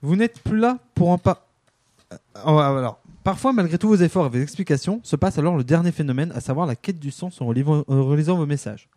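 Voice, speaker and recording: Male comic columnist, lively delivery, slightly raised pitch, dry studio sound. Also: no echo. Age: under 50. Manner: lively, acts out quick dialogue in different voices.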